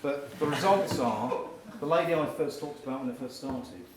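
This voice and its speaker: A man giving a short live talk, walking the audience through exercises and calling out loudly at times. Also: mid-range voice, moderate pace. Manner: energetic, instructing the crowd, rising to loud calls. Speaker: speaker at a live talk event. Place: event venue with a live audience. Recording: echoey hall, far from the mic, crowd noise.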